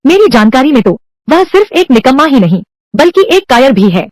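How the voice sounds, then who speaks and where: A woman with a high, bright-pitched voice reads every role of a dubbed drama herself, keeping the same voice for men and women. Her pitch leaps up and down with animated swings. The sound is close and completely dry. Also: a little fast, no echo. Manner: reads all male and female parts in one unchanged voice. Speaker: voice-over dubber. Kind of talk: dubbing every character of a drama alone.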